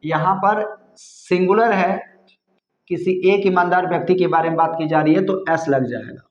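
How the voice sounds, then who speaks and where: A man teaching English grammar in Hindi, explaining slowly and repeating himself, spelling words out letter by letter. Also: high-pitched. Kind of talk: Hindi-language grammar lesson. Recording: echoey room, slightly dull sound.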